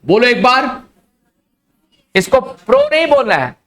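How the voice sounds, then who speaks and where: एक पुरुष शिक्षक जो कोचिंग क्लास में छात्रों को "बेटा" कहकर समझाते हुए अंग्रेज़ी पढ़ा रहे हैं।. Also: male voice, extremely high pitch, a little slow. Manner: addresses students as beta, lively and coaxing. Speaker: English teacher. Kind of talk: classroom lecture. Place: coaching classroom.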